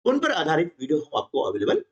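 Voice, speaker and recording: A male teacher walks through an exam-prep grammar lesson, his pitch rising and falling animatedly as he explains. He sits a little high for a man and keeps checking in with the class. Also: wildly swooping pitch, fast talker, muffled recording.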